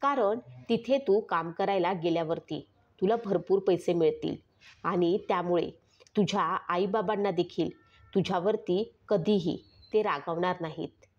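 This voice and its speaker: A woman narrator voicing a scheming adult woman stranger who talks gently and persuasively, on a slightly muffled recording. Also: mid-range voice, natural voice.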